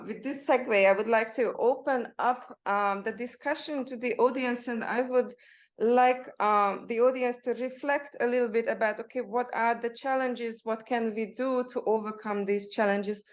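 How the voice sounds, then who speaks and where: A woman's voice: a little high, fairly even intonation, normal speed. Polite woman panel moderator. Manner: polite, inviting, reflective.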